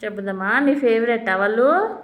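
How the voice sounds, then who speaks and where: A woman's voice: on the high side, expressive, moderate pace. A young woman, chatting casually with a small child and coaxing answers with playful questions. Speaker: family member filming a child.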